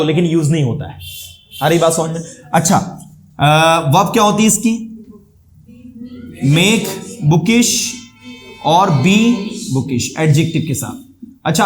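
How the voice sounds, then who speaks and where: Lively Indian man teaching a class. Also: high-pitched. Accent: Indian English. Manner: quizzing students with quick questions; switches between Hindi and slow English example sentences. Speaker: English teacher. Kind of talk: classroom grammar lesson.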